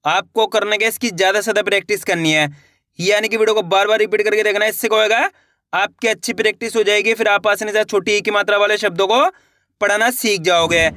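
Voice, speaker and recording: A man's voice: sits high, fairly even intonation, fast, pushed and bright, dry recording, clean studio sound. A man teaching a children's reading lesson, sounding out words one syllable at a time with patient, encouraging explanations.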